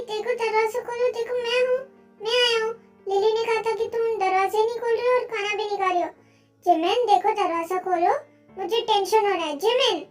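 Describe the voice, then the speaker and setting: A woman voicing a possessive, hot-tempered young male boss who shouts and makes demands, with faint music behind. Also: extremely high pitch. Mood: pleading.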